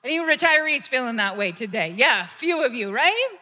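A woman's voice: sits high, sing-song, brisk, pushed and bright. A woman pastor preaching a sermon in a conversational style, building to emphatic points. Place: church sanctuary. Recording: long hall reverb.

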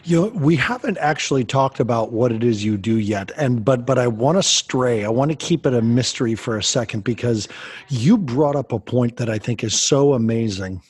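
A man's voice: medium pitch, expressive, normal speed, darkish tone, slightly rough, dry recording. A man hosting a podcast, speaking earnestly and emphatically as he talks straight to parents and interviews his guest. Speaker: podcast host.

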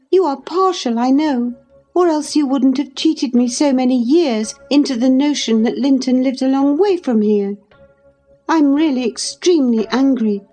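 A spirited, excitable teenage girl, voiced by a woman rises high and shrill above her usual register. She talks eagerly and indignantly, full of youthful certainty. Faint music plays softly behind.

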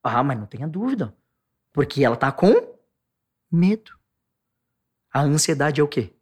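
A man with a Brazilian Portuguese accent, a guest explaining stress and anxiety. He acts out angry outbursts in sharp bursts, then drops to a soft, low tone for the calm points. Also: moderate pace, husky.

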